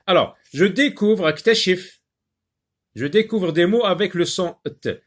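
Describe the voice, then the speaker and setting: A man teaching a phonics lesson to young children, slowly sounding out and repeating syllables, with frequent hesitations and short asides in another language. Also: high voice. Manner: slow, repeats words and syllables, explains in French with short Arabic asides; hesitant, many pauses and fillers.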